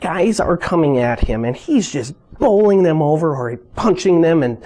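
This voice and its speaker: A commentator in a mock documentary, retelling a famous moment in a chatty, animated way. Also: mid-range voice, normal speed. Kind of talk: casual mock documentary interview.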